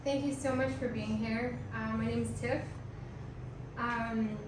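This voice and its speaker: A woman's voice: on the high side, steady tone, unhurried. A woman from Hong Kong teaching a workshop, chatting casually with lots of fillers like um and like. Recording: echoey room, far mic, audible noise.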